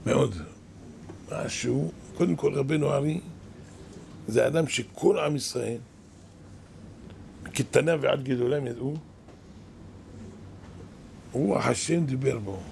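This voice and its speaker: Gravelly older man giving a sermon. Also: mid-range voice, pauses often, slight background noise. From Israel. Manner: animated, exclaiming and lamenting, storytelling. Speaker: kabbalist rabbi, yeshiva head. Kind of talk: weekly Torah lesson, sermon. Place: yeshiva study hall.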